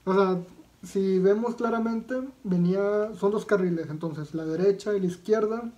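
A man's voice: high-pitched, normal speed, warm tone. A man with a Mexican accent doing casual reaction commentary as a video vlogger, talking in a slangy, profane way with lots of fillers and restarts.

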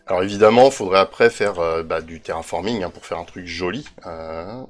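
This low-voiced man talks briskly through a relaxed, screen-captured game tutorial, musing out loud as he calls off coordinates. He pokes fun at himself along the way, and his voice fades now and then as he wanders off the desk microphone.

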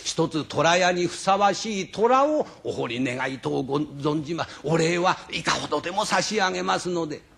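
A rakugo storyteller voicing a spiteful inn clerk who grumbles low. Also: male voice, animated, moderate pace, vocal fry, hardly any pauses, fairly bright tone, slightly rough, heavily acted. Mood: resentful.

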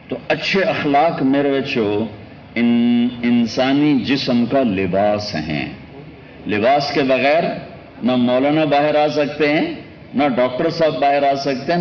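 A male preacher telling stories in a sermon, swinging between loud, raised lines and soft, low ones. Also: muffled recording, slight background noise. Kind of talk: storytelling sermon.

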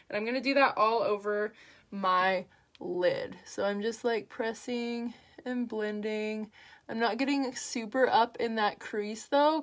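A woman talking through a makeup tutorial in a chatty, upbeat way, with lots of fillers as she works. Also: medium pitch. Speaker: makeup artist.

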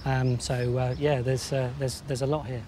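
A man in his thirties speaks in an on-site interview, halting and full of fillers as he explains the work. His voice carries a long echo from a large empty hall, with faint noise underneath. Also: medium pitch, level tone, mellow. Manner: hesitant, many fillers and restarts. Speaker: housing developer. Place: large empty old building indoors.

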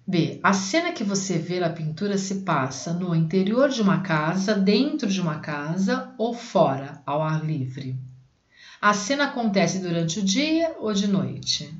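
A woman teacher takes young children through a reading workbook, repeating each word slowly and splitting it into syllables. Her pitch rises and falls in a lively way. The recording sounds dull and lo-fi, in a room with a lot of echo. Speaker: primary school teacher. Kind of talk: remote reading lesson for children.

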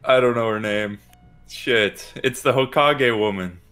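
Excitable bright-voiced young man. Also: mid-range voice, measured pace, clean tone. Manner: excitable, swears, shouts out guesses. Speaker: contestant. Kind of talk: excited casual banter.

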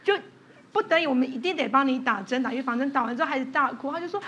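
A woman pediatrician telling lively stories on a TV talk show, acting out the kids and parents she quotes. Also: high voice, fast talker, highs cut off, slight background noise. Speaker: pediatrician guest. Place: TV studio.

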